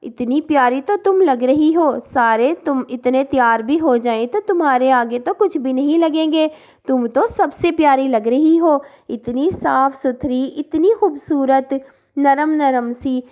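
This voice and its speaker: A woman voicing a scheming, sweet-talking female kite bird in a cartoon story, coaxing her prey with gushing flattery. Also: high-pitched, unhurried. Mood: flattering.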